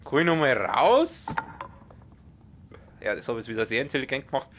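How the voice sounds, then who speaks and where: With a little hiss or hum in the audio, a young let's play streamer with a Bavarian accent commentates his live game stream. His mid-range voice is loud and strong enough to sound like shouting in normal talk, and he's excitable and swears at the game quickly.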